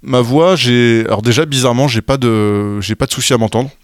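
A man's voice: medium pitch, brisk, no echo, studio quality. A man in his thirties from western France, answering interview questions casually, with many hesitations and restarts. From France, Maine-et-Loire. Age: 30s. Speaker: radio host interviewed as guest.

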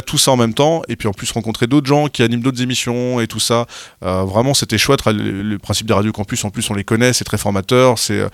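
A man in his thirties from western France, chatting in an interview with a fairly low voice. He hesitates often, filling gaps and restarting his sentences. The sound is dry and close, with no room around it. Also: dry recording. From France, Maine-et-Loire. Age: 30s. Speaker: radio host interviewed as guest. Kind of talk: casual interview answers.

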